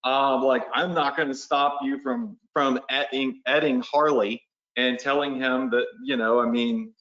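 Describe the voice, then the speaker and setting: A man's voice: medium pitch, steady tone, a little slow, fairly bright tone, echoey room, lo-fi sound. A man hosting a live online training, casual and chatty, walking viewers through steps and checking in with them often. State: has the hiccups. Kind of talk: casual live webinar walkthrough.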